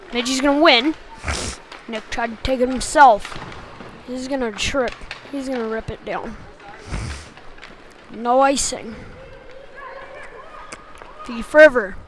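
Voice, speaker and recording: A youth ice hockey game gets casual live play-by-play from a woman whose voice sits high and sounds a bit bright. She talks in clipped, colloquial snippets. Faint background noise can be heard on the amateur rink livestream.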